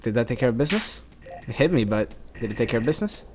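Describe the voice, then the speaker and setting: A man's voice: mid-range voice, lively intonation, rapid-fire, noisy background. A young man from South America giving jokey, rambling let's play commentary while he plays. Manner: rambling, jokey, talks to himself.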